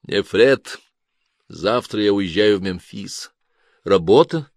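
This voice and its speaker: An earnest young judge from an audiobook, played by a male reader. He speaks plainly and directly, in a low voice heard dry and close. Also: expressive, slow, no echo.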